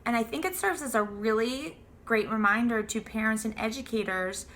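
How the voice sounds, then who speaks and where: Woman in her 30s, book reviewer and host, clear bright tone, earnest and explanatory. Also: a little high, normal speed, slight background noise. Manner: earnest, explanatory, occasional ums. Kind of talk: prepared book review to camera.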